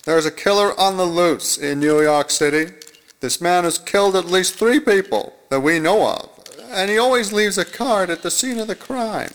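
A man's voice: high-pitched, moderate pace, pitched above the performer's own voice, close to an everyday voice. A man voicing a stern male police commissioner giving a televised warning. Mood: grave.

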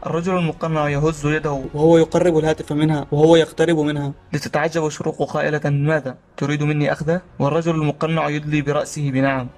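A man narrating a story in a steady, reading style. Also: fairly high pitch, faint music behind. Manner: rapid, even reading.

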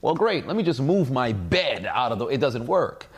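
A man's voice: medium pitch, big pitch swings, moderate pace, slightly rough, soft background music. A man co-hosting a podcast, talking in a casual, conversational style. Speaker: podcast co-host. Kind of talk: casual chat.

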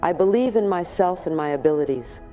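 A woman giving scripted, gentle affirmation narration, addressing the listener affectionately. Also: on the low side, animated, a little fast, soft background music.

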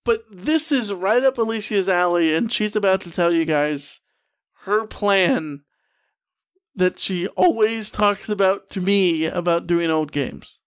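A man hosting a sports podcast in casual chat, reading out listener messages in a quick, relaxed manner. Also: sits high, clear, resonant tone.

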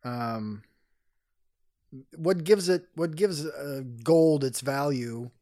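Slow-talking man asking questions. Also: a little high, mellow, dry recording, studio quality. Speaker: interviewer. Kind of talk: casual interview questions.

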